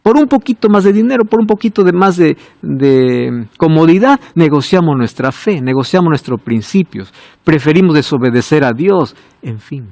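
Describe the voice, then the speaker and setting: A man preaching a sermon, asking rhetorical questions and swinging from loud emphasis to hushed low words. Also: creaky, no room sound.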